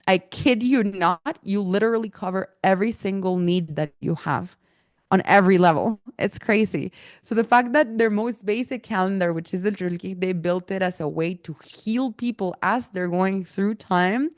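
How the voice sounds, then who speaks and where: A woman's voice: mid-range voice, darkish tone, no room sound, clean studio sound. A woman teaching an online workshop, talking casually with many fillers, her throat a little irritated. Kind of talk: online presentation talk.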